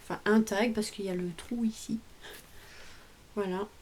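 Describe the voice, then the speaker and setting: A woman's voice: medium pitch, steady tone, moderate pace, darkish tone. A woman vlogger casually showing off a craft haul at home, chatty and hesitant, often trailing off. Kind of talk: casual show-and-tell haul.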